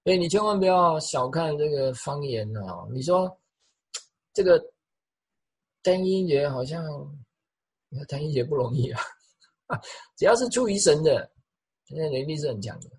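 A middle-aged man preaching with a deeply raspy, breathy voice. He is lively and demonstrative, repeats phrases for emphasis and acts out the sounds he talks about. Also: moderate pace, pauses often, poor audio. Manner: animated, vocally imitates the sounds he describes. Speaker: pastor. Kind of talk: sermon.

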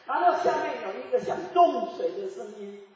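A woman in her seventies preaching a sermon, telling a lively story with laughter and bursts of chanted lines. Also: fairly high pitch, a little fast. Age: 70s. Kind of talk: sermon testimony. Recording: echoey hall from far off, dull.

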